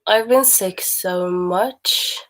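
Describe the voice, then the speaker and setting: A young woman from Sweden, sick, casually rambles and laughs with viewers on her livestream, drawing out her words in a mid-range voice. Her accent is a Swedish base sprinkled with Texan, Australian and British bits.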